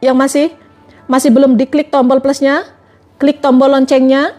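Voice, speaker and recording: A woman's voice: high-pitched, flat delivery, normal speed, darkish tone, faint music behind. A woman giving a religious talk on a live stream, asking her listeners question after question. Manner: repetitive rhetorical questioning.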